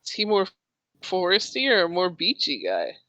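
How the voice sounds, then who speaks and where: A game master chatting casually while running a tabletop game, with pauses to think. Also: medium pitch, huge pitch swings, bright, forceful tone, dry recording.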